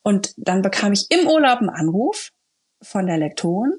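A woman author in a casual interview, telling her story in a lively, animated way and acting out what people said. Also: mid-range voice, moderate pace, breathy edge. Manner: lively, animated storyteller who acts out quoted dialogue.

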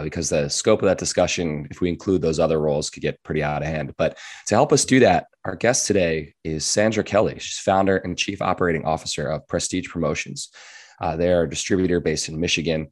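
A man with a hoarse, raspy, worn-out voice hosting a podcast in an informal, jokey, chatty way. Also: extremely low pitch. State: hoarse, losing his voice. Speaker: podcast host. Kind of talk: casual podcast chat.

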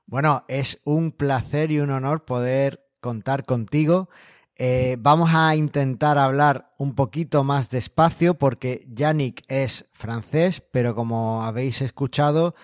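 Man, host, relaxed and chatty, dry close sound. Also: mid-range voice, a little slow, no room sound. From Spain. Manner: relaxed, chatty, many fillers. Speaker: podcast host. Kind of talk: casual podcast chat.

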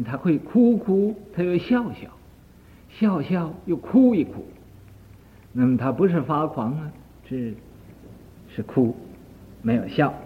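An older man, a Buddhist teacher, telling a story in a leisurely dharma talk with many drawn-out interjections. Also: fairly high pitch. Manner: leisurely, repetitive, full of drawn-out interjections, acting out the story's voices. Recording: tinny lo-fi archive tape.

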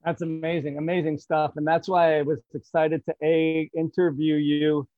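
A man's voice: on the high side, flat delivery, normal speed, no echo. A man from Toronto hosting an interview, affirming and enthusiastic. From Toronto, Canada. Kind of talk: interview chat. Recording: tinny phone-like line.

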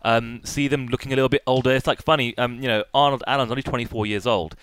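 A man's voice: mid-range voice, steady tone, fast talker, a bit bright, clear, resonant tone, no echo. A man guesting on a fight podcast, talking in an easygoing way with plenty of ums. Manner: easygoing, many filler ums. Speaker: podcast guest, MMA journalist. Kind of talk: casual post-fight recap chat.

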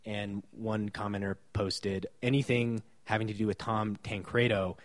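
A man's voice: on the low side, steady tone, normal speed. Wry male podcast host. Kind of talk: casual podcast chat.

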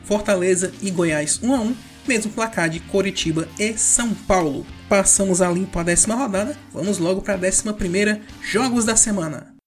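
Hosting a football round-up show, a Brazilian woman delivers a scripted sports summary at a medium pitch and normal speed, with few pauses. A music bed plays softly underneath.

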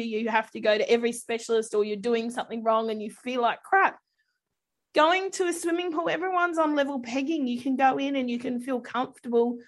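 High-voiced woman in her thirties. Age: 30s. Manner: warm, emotional, laughs often. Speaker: podcast host. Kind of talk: casual conversational interview.

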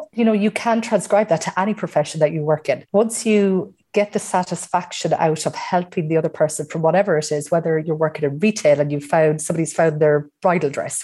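Middle-aged woman, west of Ireland accent, rapid chatty delivery, mellow lowish voice for a podcast guest. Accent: west of Ireland (Mayo). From County Mayo, west of Ireland. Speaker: interview guest, hospital emergency consultant. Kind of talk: conversational podcast interview, personal reflection.

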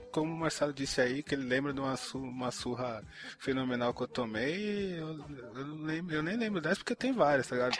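A young man rambles through his opinions in slangy, casual podcast talk. His voice sits a little high. Faint music plays underneath. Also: a bit bright. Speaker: podcast co-host. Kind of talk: casual chat.

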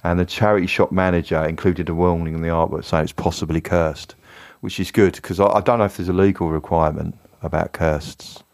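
A man's voice: deep voice, steady tone, a little fast, few pauses, a little mellow. A man co-hosting a casual comedy podcast, telling a story in a rambling, self-correcting way and laughing at his own jokes. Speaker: podcast co-host.

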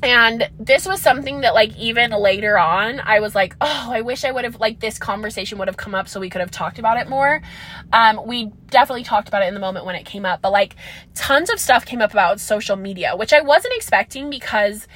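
A woman's voice: fairly high pitch, lively intonation, brisk, fairly bright tone, slight background noise. A woman hosting her own podcast as a business coach, talking in a rambling, casual way, full of "like" and "um", with frequent laughs. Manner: chatty, rambling, peppered with "like" and "um", laughs often. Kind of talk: casual solo podcast monologue.

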